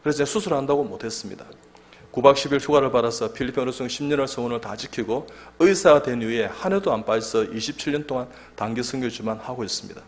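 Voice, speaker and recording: A man in his fifties, a church elder and doctor, giving a humorous testimony sermon with lively storytelling and acted-out lines. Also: medium pitch, fast.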